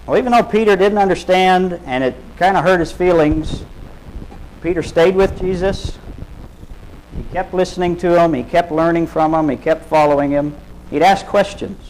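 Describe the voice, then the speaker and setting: A man's voice: high voice, normal speed, a little mellow, a little hiss or hum, poor audio. A man preaching a sermon, retelling a story in casual, vivid terms and putting direct questions to his listeners.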